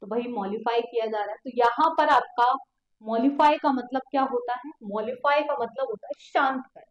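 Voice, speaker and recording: The sound is roomy and lo-fi as a woman with a slightly high voice, speaking at a moderate pace, runs an online exam coaching lesson. She explains things step by step, repeats important words and keeps testing her students.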